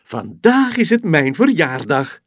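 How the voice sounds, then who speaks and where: A man putting on a high, happy little girl. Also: very animated, slow, darkish tone, no echo, clean studio sound, exaggerated voice. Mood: overjoyed. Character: little girl astronaut, lonely but cheerful.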